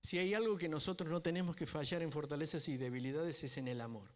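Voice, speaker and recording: A man's voice: a little high, quick pace. A man preaching a sermon as a pastor, telling a story and often checking in with the congregation. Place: church.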